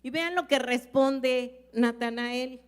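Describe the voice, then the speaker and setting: A woman's voice: high voice, slow, clear, resonant tone. A woman pastor with a Mexican accent, preaching a sermon earnestly and asking her congregation questions. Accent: Mexican Spanish. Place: church. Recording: echoey church hall.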